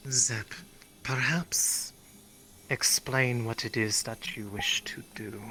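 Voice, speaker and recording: A man playing a guide who interprets the spirits, speaking in a measured, hesitant way. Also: medium pitch, fairly even intonation, sharp tone, a little hiss or hum, low-quality recording. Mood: guiding. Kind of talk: in-character roleplay.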